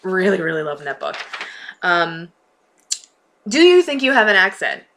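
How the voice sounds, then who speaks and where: A woman's voice: fairly low pitch, big pitch swings, normal speed, fairly bright tone. A woman with a Northeastern American accent leaning slightly New York and New Jersey, chatting casually and playfully through a list of questions. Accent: US Northeast, slight New York-New Jersey tilt. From United States. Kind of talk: casual question-and-answer reading prompts aloud.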